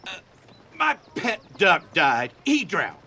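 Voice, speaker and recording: A man's voice: sits high, wildly swooping pitch, background noise, exaggerated voice. Flustered, evasive small-town man. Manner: evasive, hurried, mumbled excuses. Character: flustered townsman dodging a talkative boy with excuses. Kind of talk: comic period film acting.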